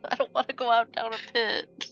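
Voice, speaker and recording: A woman's voice: on the high side, little pitch movement, a little fast, fairly bright tone. A woman chatting casually and bluntly as a player in a tabletop game. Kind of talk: casual chat. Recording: muffled, prominent music behind.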